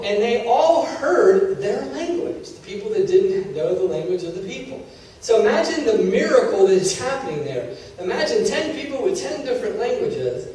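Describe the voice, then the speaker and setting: In a large, echoey church hall, a middle-aged man preaches conversationally to his congregation, often asking "Are you with me?" and "okay?" He holds a handheld mic, and a far-off camera captures his high, slightly mellow voice along with a little hiss or hum.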